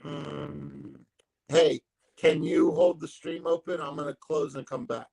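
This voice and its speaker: A man joining a livestream as a guest over a remote call. His voice breaks up into choppy, robotic bad-connection audio as he talks in a slow, halting way. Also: on the high side, fairly even intonation, vocal fry, crowd noise, low-quality recording. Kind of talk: casual chat. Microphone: remote online call.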